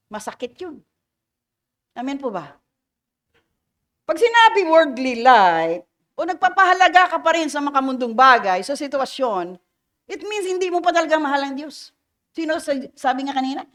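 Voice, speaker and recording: With a high-pitched, slightly bright voice, a middle-aged woman pastor delivers a Sunday sermon in Filipino laced with English phrases, her Filipino accent clear. She teases the congregation, quizzes them often, and laughs as she moves between points.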